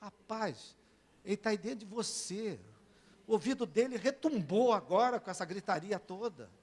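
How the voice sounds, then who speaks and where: A male pastor from Brazil preaching a sermon in a church. He keeps asking the congregation for amens and swings between soft and loud. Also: high-pitched, animated, normal speed, breathy edge.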